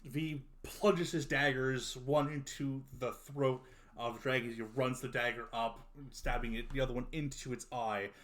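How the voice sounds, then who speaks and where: A man's voice: medium pitch, steady tone, moderate pace, a bit bright. Man, game master, mid-range voice, improvised tabletop narration, conversational.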